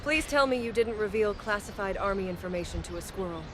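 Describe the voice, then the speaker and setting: A skeptical, practical adventurer acted by a woman in a fantasy comedy. She speaks at a medium pitch with wry exasperation, over clearly audible ambient noise. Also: expressive, fast talker, fairly bright tone, lightly acted. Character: practical, skeptical, dryly sarcastic female adventurer. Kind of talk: scripted fantasy comedy dialogue.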